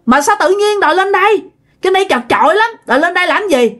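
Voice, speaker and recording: A man's voice: extremely high pitch, expressive, fast, a bit bright, voice pushed up. A woman voicing an irritated husband woken at midnight, scolding. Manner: scolding, exasperated.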